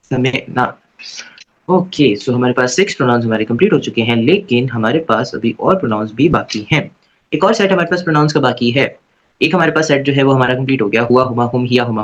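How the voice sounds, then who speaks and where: A man teaching an online Arabic grammar class in a casual, repetitive way. He keeps checking in with his students and slowly chants verb forms aloud. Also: medium pitch. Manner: casual and repetitive, checking in with "theek hai?" after every point. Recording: dull lo-fi recording.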